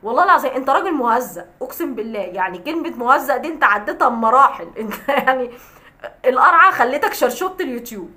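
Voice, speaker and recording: An Egyptian woman vlogger rants at a critic on camera, sarcastic and scolding, breaking into scornful laughs. Her voice is high-pitched, pushed and bright, with an Egyptian Arabic accent.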